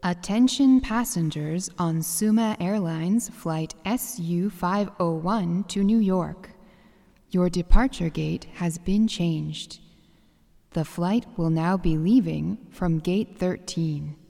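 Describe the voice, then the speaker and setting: A woman's voice: fairly low pitch, slow pace, vocal fry, mellow, in a large hall, heavily acted. A woman voicing a formal airport gate announcer in a scripted listening-test dialogue.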